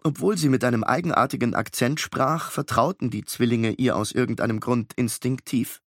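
A man narrating a children's audiobook in a calm, even storytelling manner. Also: mid-range voice, moderate pace, no room sound, studio quality.

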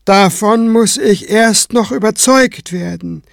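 A man voicing a lofty, weary male high priest in an audiobook, speaking in a regal, commanding manner. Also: slow, vocal fry, no echo, studio quality, heavily acted. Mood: bitter.

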